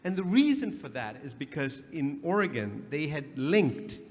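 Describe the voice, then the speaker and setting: A man's voice: fairly high pitch, very animated, moderate pace. A man from Sri Lanka speaking on a conference panel, arguing emphatically and posing rhetorical questions. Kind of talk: panel discussion. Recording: reverberant conference hall, faint hum.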